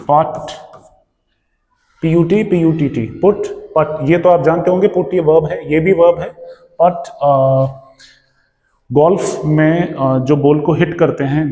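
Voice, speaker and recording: A male English teacher with an Indian accent, switching between Hindi and English and repeating each word slowly several times. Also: on the high side, dark tone, long reverb tail. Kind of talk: pronunciation lesson.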